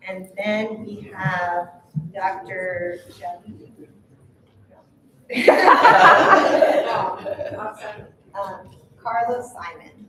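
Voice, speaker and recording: A woman's voice: mid-range voice, fairly even intonation, slow, crowd noise. Polite woman moderating in an echoey room. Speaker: panel moderator and clinician. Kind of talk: introducing a conference panel to an audience. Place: conference room with PA. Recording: echoey room, distant microphone.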